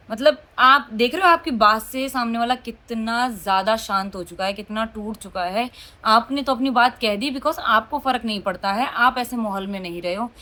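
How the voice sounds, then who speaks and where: A young woman with a loud voice, talking outspokenly and emotionally to her viewers in a casual confessional vlog. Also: mid-range voice. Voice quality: loud, forceful voice. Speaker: vlogger.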